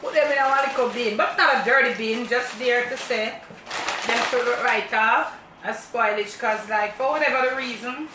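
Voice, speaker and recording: A woman's voice: fairly high pitch, normal speed. A woman with a Jamaican accent chatting casually about food while chewing as she talks. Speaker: mukbang co-host. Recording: roomy echo, distant mic, faint noise.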